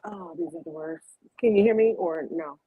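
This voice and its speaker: A woman's voice: sits low, moderate pace, slightly rough. Muffled woman caller, as if through a wall. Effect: muffled, as if heard through a wall. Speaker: caller on a live show. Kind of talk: casual chat. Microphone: earbuds microphone on a call.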